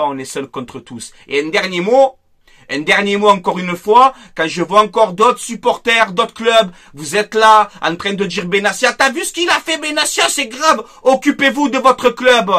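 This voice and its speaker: A man's voice: high-pitched, sharp tone. Fired-up man ranting. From Marseille, France. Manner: angry, emphatic, repetitive. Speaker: football fan vlogger. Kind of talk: impassioned fan rant to camera.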